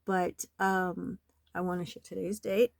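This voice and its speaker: A hoarse woman with a slight cold, talking in a rambling, aggrieved and urgent way in a home vlog. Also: lowish voice, level tone, a little slow, no room sound. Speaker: nonprofit website owner. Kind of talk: screen-recorded vlog. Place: home in the desert.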